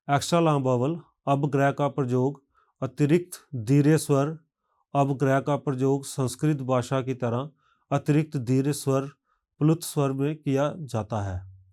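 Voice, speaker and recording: A man teaching a recorded language lesson, speaking carefully and pronouncing each example word deliberately. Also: mid-range voice, a little mellow. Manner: slow, careful, measured delivery.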